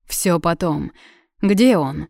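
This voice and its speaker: Storybook king: a woman reading a stern, commanding young ruler, low and warm. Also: slow, gravelly, dry recording, studio quality, heavily acted. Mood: calm. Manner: calm and commanding.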